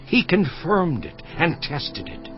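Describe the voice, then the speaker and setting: A grave, lamenting Job, played by a man in an audio Bible drama, his slightly high voice rising and falling widely as he declaims slowly and solemnly. The sound is dull and lo-fi, with a soft cinematic score beneath. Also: huge pitch swings, full character voice. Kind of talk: dramatized scripture reading. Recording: dull lo-fi with music underscore.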